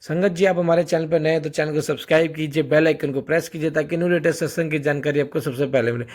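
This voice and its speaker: A man's voice: on the high side, fairly even intonation, fast. A man hosting a devotional channel, giving a formal preaching intro and chanting a mantra. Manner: formal, preaching cadence with blessings and requests to subscribe. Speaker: channel host introducing a satsang.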